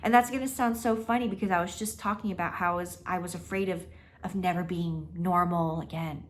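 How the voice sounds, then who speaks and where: A woman's voice: lowish voice, fairly even intonation, brisk. A woman in her twenties chatting casually to camera in her apartment, talking emphatically and laughing often. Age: 20s. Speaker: vlogger. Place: her own apartment, indoors.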